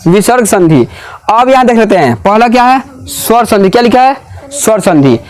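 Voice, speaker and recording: A man's voice: sits high, big pitch swings, moderate pace, a little mellow. A man teaching a grammar lesson in a classroom, asking questions again and again and repeating the answers.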